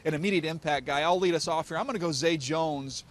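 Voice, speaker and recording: A man hosting a football podcast, moving through segments and talking about draft picks. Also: fairly high pitch. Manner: brisk, segment-driving host. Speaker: podcast host.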